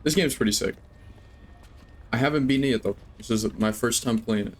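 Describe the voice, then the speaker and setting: A man's voice: mid-range voice, brisk, a little hiss or hum. A young adult man streaming a game, rambling, joking and swearing as he chats with viewers. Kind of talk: live gameplay commentary.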